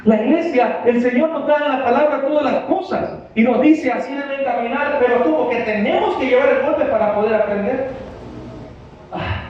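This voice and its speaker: Man, pastor, high voice, emphatic sermon with questions to the flock, recorded far off in a dull, boomy church hall. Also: moderate pace, a little mellow. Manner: emphatic, with rhetorical questions to the congregation. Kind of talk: preaching a sermon. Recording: very echoey hall, distant, dull sound with faint noise.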